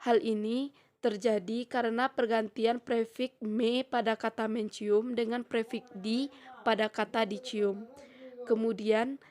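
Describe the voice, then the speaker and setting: A young woman student reading a prepared lecture in a steady, measured way, slowing down when she reads out example sentences. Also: fairly high pitch. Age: young adult. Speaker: student presenter.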